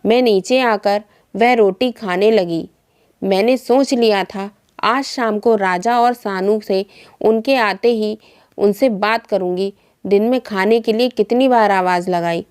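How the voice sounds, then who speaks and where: A woman's voice: mid-range voice, unhurried, darkish tone, clean tone. Earnest woman narrating a moral tale. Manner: earnest, reflective storytelling. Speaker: storyteller. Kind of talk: scripted first-person story narration.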